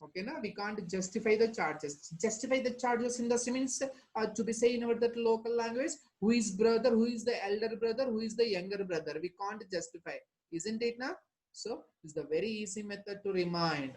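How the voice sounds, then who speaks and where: A woman's voice: mid-range voice, quick pace, darkish tone, rough recording. A woman with a Telugu Indian accent teaching a lesson, repeating key points and often checking with short question tags. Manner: instructive, repetitive, frequent question tags. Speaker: chemistry teacher.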